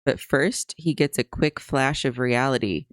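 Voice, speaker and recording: A podcast co-host reads TV recap notes in a tongue-in-cheek newscaster style, then slips back into casual chat. The voice sits at a middle pitch. It is recorded close and dry, with no room sound. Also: a little slow, no echo.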